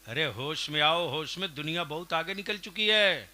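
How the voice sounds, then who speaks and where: A man preaching a fiery sermon at a public gathering, asking the crowd questions and swinging up to shouting. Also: on the high side, expressive, moderate pace. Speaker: Islamic preacher. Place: outdoor religious gathering.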